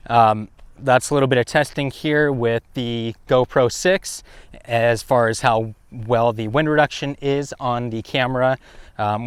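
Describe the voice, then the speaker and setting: A man with a smooth, mid-range voice hosts a review video, running through a camera test with relaxed, informal explanations. He's outdoors on a windy hilltop, recorded dry through an action camera's built-in mic, with loud wind noise heavy in the background.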